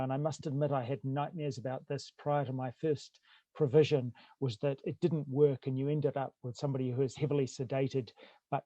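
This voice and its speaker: A man's voice: mid-range voice, dark tone, no room sound. A middle-aged man, a rural family doctor from New Zealand, speaking frankly and thoughtfully in a webinar over a video call. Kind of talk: webinar talk.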